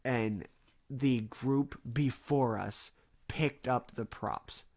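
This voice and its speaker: Animated swearing man telling a story. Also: mid-range voice, drawn-out words. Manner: animated, swears freely, acts out quotes. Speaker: podcast co-host. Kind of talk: casual storytelling chat.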